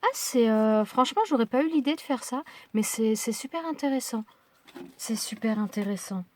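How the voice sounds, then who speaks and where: A woman's voice: on the high side, normal speed, a little hiss or hum. A woman with a French accent chatting casually while unboxing crafts, hesitant with many fillers and restarts. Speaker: crafting vlogger.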